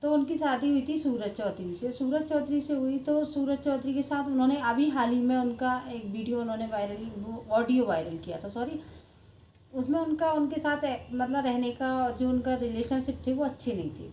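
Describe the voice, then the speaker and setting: A woman from India, a video blogger, gives informal vlog commentary in a high-pitched, dark-toned voice at normal speed. She is earnest and emphatic, often circling back on herself, recorded in an echoey room with faint background noise.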